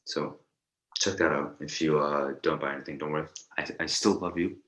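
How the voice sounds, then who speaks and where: A man's voice: a bass voice, steady tone, a little fast, fairly bright tone, poor audio. A young man co-hosting a casual podcast chat, rambling through his thoughts with lots of fillers and restarts. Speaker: podcast co-host.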